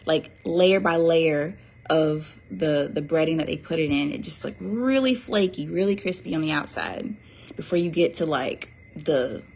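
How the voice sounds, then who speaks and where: Woman, slightly low voice, casual livestream host, chatty with lots of fillers. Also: expressive, a little slow, creaky, a little mellow. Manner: chatty, reads viewer comments aloud, fillers and restarts. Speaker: livestream host selling an oracle deck.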